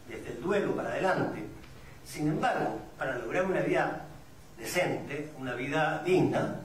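Representing the migrant community on a forum panel, a high-voiced Peruvian man gives a reflective, didactic public talk full of rhetorical questions. He's recorded from a distance in an echoey indoor event room, with audience sounds and a little hiss or hum.

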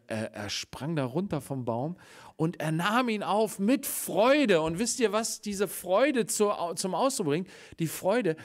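Animated German preacher, lively pitch. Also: male voice. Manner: animated, swings between loud exclamations and hushed, quiet passages; acts out quoted voices in the story. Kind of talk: sermon. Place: church.

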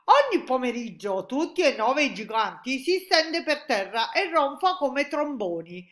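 A woman voicing a big friendly old male giant who mangles his words, speaking loudly and high. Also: sing-song, unhurried, exaggerated voice. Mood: jolly. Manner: loud, high and jolly, muddled grammar.

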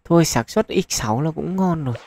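Gravelly-voiced man commenting a mobile game. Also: a little high, fairly quick, dry recording. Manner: chatty, thinks aloud with many fillers; excitable at lucky pulls. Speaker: gaming channel host. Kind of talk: casual gacha game commentary.

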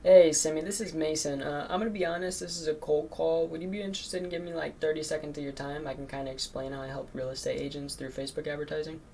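A man's voice: fairly high pitch, fairly even intonation, quick pace, gravelly, hardly any pauses, mellow, slight background noise. A man in his late teens making sales cold calls and talking between them, nervous and full of fillers like "um" and "like". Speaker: marketing agency owner cold calling. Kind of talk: recorded cold calls and casual commentary.

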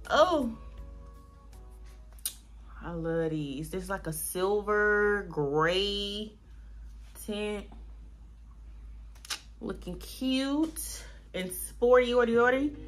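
A woman's voice: medium pitch, expressive, very slow, long pauses, faint music behind. A woman in her thirties with a Southern US accent, chatting casually to her viewers at home and showing off her new things. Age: 30s. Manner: chatty, playful, talks straight to viewers. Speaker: vlogger. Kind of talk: casual vlog chat to camera. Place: home bedroom.

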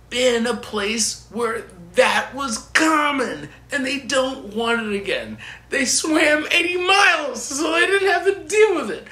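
A man's voice: high-pitched, sharp tone. A man in his thirties co-hosting a podcast, chatting casually, swearing freely and laughing often. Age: 30s. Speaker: podcast co-host. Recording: roomy echo, faint hiss.

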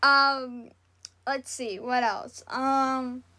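A woman's voice: high voice, fairly even intonation, extremely slow, pushed and bright. A woman in her late thirties from Southwest Florida with a Southern accent, hosting a casual livestream talk show with lots of fillers and laughs. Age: 30s. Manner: rambling, giggly, lots of fillers. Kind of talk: casual chat with live chat viewers.

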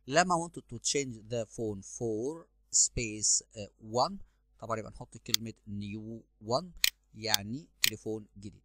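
A man with an Egyptian Arabic accent, working through English exam answers as a teacher. He reads the English slowly, then explains fast in Arabic. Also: medium pitch, heavy background noise.

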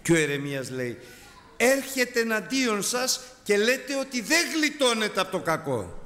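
A man preaching a sermon, animated, climbing to high exclamations and dropping low as he tells a story. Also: long reverb tail.

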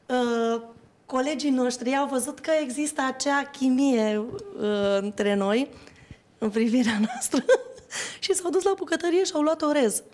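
A woman's voice: high voice, darkish tone. A woman singer as a guest on a TV talk show, telling a story with some laughter. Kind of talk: casual interview chat. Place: TV studio.

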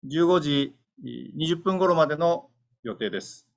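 A man's voice: a little high, lively intonation, gravelly. Formal male seminar moderator. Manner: polite, measured, keigo-heavy. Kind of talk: formal event announcing. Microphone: online webinar audio.

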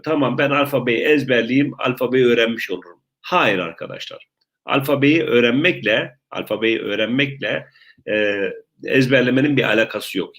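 A man's voice: mid-range voice, fairly bright tone. Turkish-accented male English teacher, repetitive, speaks to viewers as friends. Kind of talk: online English lesson for beginners.

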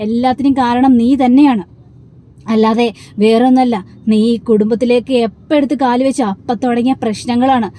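Bitter accusing woman, scolding, fast delivery, slightly high, read by a woman. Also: fairly even intonation, mellow, lightly acted. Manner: scolding, blaming.

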